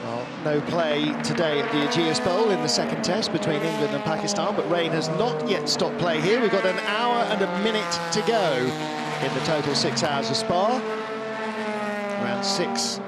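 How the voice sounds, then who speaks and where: A man's voice: a little high, normal speed. A man giving live motorsport commentary as the lead commentator. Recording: very loud car and outdoor noise. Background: race cars.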